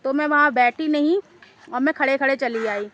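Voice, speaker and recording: A woman's voice: high voice, normal speed, a bit bright, muffled recording, slight background noise. A woman vlogger casually telling a story to camera outdoors in a park, chatty and rambling, often repeating herself.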